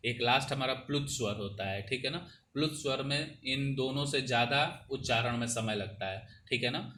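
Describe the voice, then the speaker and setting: Male tutor, patient and repetitive, bright tone, faint background noise. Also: medium pitch, normal speed. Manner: explanatory, repeats "ठीक है ना" to check understanding. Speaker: teacher. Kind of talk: Hindi grammar lesson over a screen.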